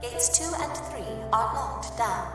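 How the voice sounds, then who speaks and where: An impersonal female facility announcement system from a video game. The measured voice comes slowly over a distant, echoing loudspeaker with loud music on top. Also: fairly high pitch, lively intonation. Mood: impassive. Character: impassive female automated facility announcer counting down.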